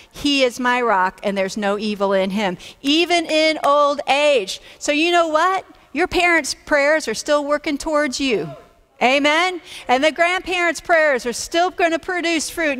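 A woman pastor in her fifties preaching a sermon on a church stage through a headset mic, energetic and encouraging, calling out amens. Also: high-pitched. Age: 50s. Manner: energetic and encouraging, with whooping shouts and amen calls.

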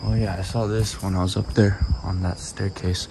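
Vlogging casually from a rural village, this twenty-something travel vlogger narrates as he thinks and lets the occasional swear word slip. He speaks in a low, level voice at a normal speed. Recorded on a close-held handheld camera outdoors, the audio carries the buzz of crickets and insects.

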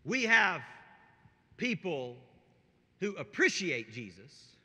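A male pastor preaches with a fairly high, animated voice, dropping to near-whispered asides and rising to shouts. His tone is piercingly bright with a husky edge. The sound carries the long reverb of a large church hall. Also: takes it slowly. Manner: swings from hushed asides to shouted emphasis; conversational, checks in with the congregation. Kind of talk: sermon.

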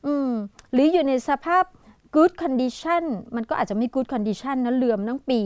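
A woman's voice: high voice, expressive, unhurried, darkish tone, dry recording. A woman with a Thai accent, teaching an English exam-prep lesson and thinking aloud as she mixes Thai with English words.

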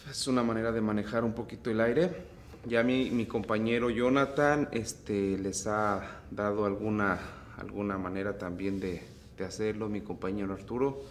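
A man with a Mexican accent, a mariachi singer teaching vocal technique in an unhurried, relaxed way. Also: fairly low pitch, slight background noise. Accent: Mexican Spanish. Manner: unhurried, explains phrasing, breaks into singing. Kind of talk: relaxed vocal tutorial with sung demonstrations.

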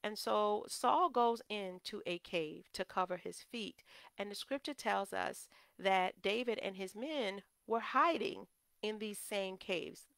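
A woman bishop delivers a teaching sermon. Her voice has a gravelly edge yet stays smooth and resonant. She is recorded close and dry, and she talks in an easy, searching way, with scripture read at a slower pace. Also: medium pitch, a bit bright, no echo. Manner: conversational preaching with many fillers and restarts; reads scripture in a slower, measured cadence.

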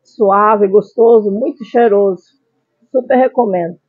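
A middle-aged woman with a Brazilian accent hosting a casual product review vlog, announcing her phrases deliberately, on a phone-like recording. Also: medium pitch, slightly rough, dry recording. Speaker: YouTube channel host. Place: small tiled room at home, indoors. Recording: phone-like, band-limited sound.

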